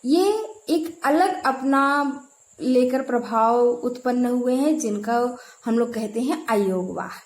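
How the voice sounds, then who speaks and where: A Hindi teacher gives a grammar lesson in an echoey room, posing her own questions and repeating key terms to drill them. Her voice is fairly high, slow and darkish in tone.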